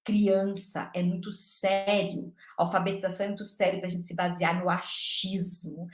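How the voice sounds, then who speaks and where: A woman educator giving an animated live online class, speaking emphatically and checking in often with her viewers. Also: mid-range voice, normal speed, reverberant. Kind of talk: lively live-stream teaching talk.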